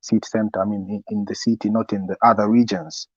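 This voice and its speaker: A young man in a casual interview, giving advice as a student guest in a halting way, often repeating his words. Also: fairly low pitch, flat delivery. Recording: echoey, dull lo-fi sound.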